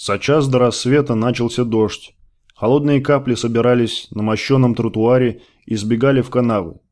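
A man narrating a science fiction novel as an audiobook, in a calm, even storytelling manner. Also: medium pitch, normal speed. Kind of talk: scripted narration.

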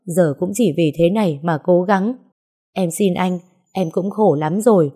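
A devoted young woman from an audio story, coaxing and pleading with stubborn persistence, as the woman narrating plays her. Her voice is low-pitched and soft-toned, with a mellow warmth. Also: a little slow, slightly rough. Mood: desperate pleading.

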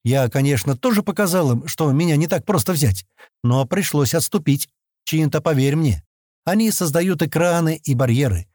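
A man reads a wary, scheming space fugitive who boasts about his exploits. The voice is mellow and dark, with animated pitch swings. It is recorded dry and close. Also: moderate pace, dry recording. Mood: boastful.

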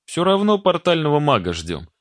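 A man's voice: on the high side, huge pitch swings, moderate pace, no room sound, clean studio sound, voice pushed up. Man voicing a brash young necromancer, raised voice, playful and whiny, audiobook character. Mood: teasing. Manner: playful, mock-indignant. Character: cheeky young male necromancer, whiny joker.

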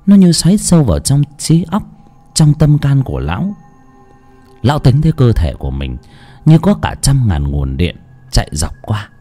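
A man narrating a horror story in a slow, dramatic, suspenseful way. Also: mid-range voice, wildly swooping pitch, dark tone, soft background music.

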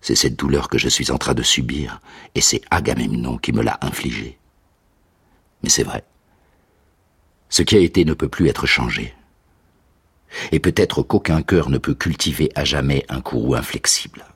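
A man's voice: very deep voice, normal speed, creaky, pauses often, a bit bright, breathy edge, exaggerated voice. A man voicing a proud, wrathful male hero who gives stern commands, in a radio drama.

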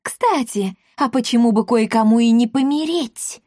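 A woman's voice: a little high, moderate pace, a little mellow, dry recording, studio quality, pitched above the performer's own voice, natural voice. A woman voicing a scrappy young witch girl who taunts and sneers sarcastically. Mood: mocking.

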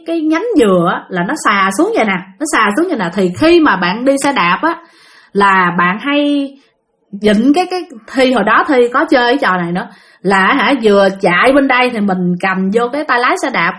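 A woman's voice: on the high side, a bit bright. A woman with a Southern Vietnamese accent telling ghost stories in a chatty way, often speaking directly to her listeners and using many fillers. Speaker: storyteller. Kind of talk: casual spoken ghost-story telling.

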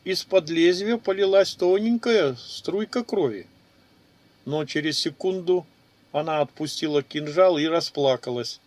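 Male audiobook narrator: steady, even fantasy reading, slightly raised pitch. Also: a little slow. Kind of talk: scripted narration of fantasy fiction.

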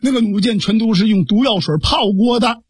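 A blunt captive villain, played by a male storyteller, recounting the grim news plainly and without softening. His voice is high and husky in a dry, close recording. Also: a little fast, dry recording. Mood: reporting. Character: captured villain reporting a death, blunt.

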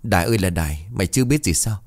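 A gossiping villager speaks with urgent exclamations, as a male narrator voices him. The voice is low with wide pitch swings, and the sound is close and dry. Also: lively intonation, rapid-fire.

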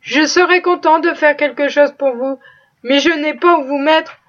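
Woman reading as a gruff kindly farmer. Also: high-pitched, steady tone, normal speed, fairly bright tone. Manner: gruff, blunt, swearing. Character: rough, kind-hearted male farmer, older. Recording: dull lo-fi recording.

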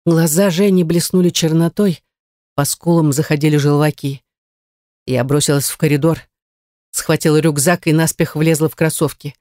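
A woman's voice: deep voice, fairly even intonation, normal speed, warm tone, no room sound, studio quality. Woman reading an emotional audiobook. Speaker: audiobook narrator. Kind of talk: first-person audiobook narration.

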